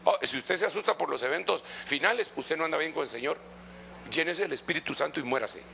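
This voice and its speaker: A middle-aged Guatemalan preacher with a raised, gravelly, and bright, forceful voice. He talks to his listeners as brothers, swinging from loud exhortation to hushed asides in a passionate, conversational sermon. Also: fairly high pitch, quick pace, a little hiss or hum. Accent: Guatemalan Spanish. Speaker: pastor.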